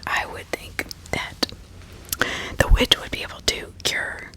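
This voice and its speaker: Speaking as an ASMR host, she narrates true crime in a breathy whisper, repeatedly breaking off mid-sentence for small asides to the listener. The tone comes across pushed and bright on a rough recording.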